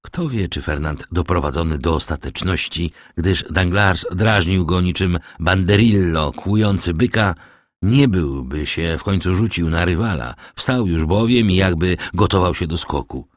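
A man narrating an audiobook of a classic novel with measured, expressive storytelling into a close studio mic. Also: low-pitched, no room sound.

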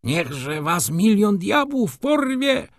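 A man voicing an aging, proud and irritable male shop manager who mutters low and flares up in anger. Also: expressive, unhurried, dry recording, clean studio sound. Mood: angry. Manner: muttering low, then bursting out angrily.

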